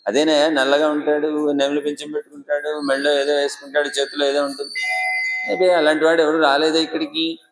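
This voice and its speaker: A man's voice: a little high, flat delivery, brisk, music in the background, lightly acted. A man voicing an anxious mother who asks breathless questions while searching for her son. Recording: echoey hall reverb.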